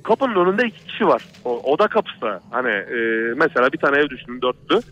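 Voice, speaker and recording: Fast-talking man telling a scary story. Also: mid-range voice, very animated, fairly bright tone. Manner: rambling, repetitive, keeps saying "brother" and "he said". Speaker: radio show caller. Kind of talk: telling a true horror story on a call-in show. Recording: dull lo-fi radio broadcast.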